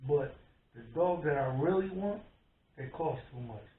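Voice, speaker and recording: A man's voice: on the high side, a little slow. A man co-hosting a podcast, chatting casually and acting out the people in his stories. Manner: animated storyteller, acts out quotes. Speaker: podcast co-host. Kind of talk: casual chat. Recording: echoey room, tinny phone-like sound, from far off.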